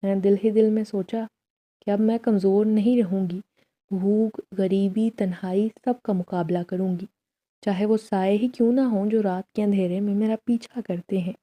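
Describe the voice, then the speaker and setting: A woman narrating a first-person horror story as a storyteller, in a slow, measured, solemn way. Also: mid-range voice, fairly even intonation, warm tone.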